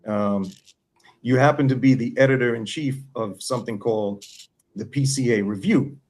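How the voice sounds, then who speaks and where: A man's voice: medium pitch, slightly rough. A man from New York hosting a podcast interview, asking structured questions in a friendly way. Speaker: podcast host.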